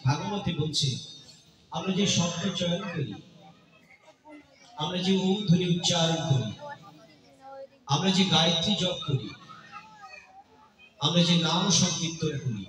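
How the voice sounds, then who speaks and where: A man's voice: high-pitched, takes it slowly, long pauses, a bit bright. A man preaching a devotional sermon in a rhythmic, repetitive cadence, sometimes breaking into song. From Bangladesh. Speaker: Bhagavata preacher. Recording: echoey hall, voice from a distance.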